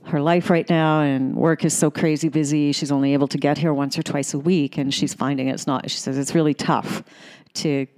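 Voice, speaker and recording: A woman's voice: deep voice, steady tone, moderate pace, darkish tone. A woman who is a gym member, chatting casually with hesitant restarts and easy laughter. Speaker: gym member being interviewed. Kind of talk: casual chat.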